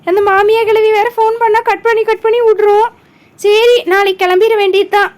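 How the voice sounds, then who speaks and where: A woman voicing a lively young married woman with a chatty, exclamatory way of talking in a comic cartoon. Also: very high-pitched, fairly quick. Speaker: cartoon voice artist.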